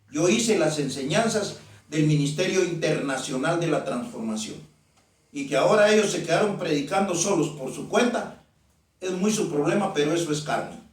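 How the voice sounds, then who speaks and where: A male preacher giving an emphatic sermon, reading scripture slowly and repeating his points. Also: fairly high pitch, expressive. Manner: emphatic, repeats phrases, reads verses slowly. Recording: very echoey, from far off the mic.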